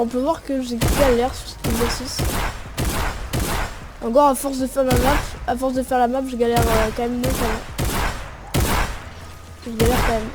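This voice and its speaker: Relaxed slangy young woman, higher voice. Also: heavy background noise. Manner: slangy and relaxed, narrating with spoken shot noises. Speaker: gaming video creator. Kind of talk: casual gameplay tutorial commentary. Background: music and gunfire from the game.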